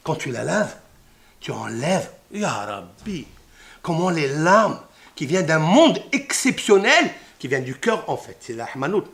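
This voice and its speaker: A man teaches a scripture lesson in a fairly high voice that rises and falls in wide, lively swings. He drops to hushed murmurs, then bursts into loud exclamations, weaving Hebrew terms into his explanation. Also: unhurried, vocal fry. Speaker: Torah teacher.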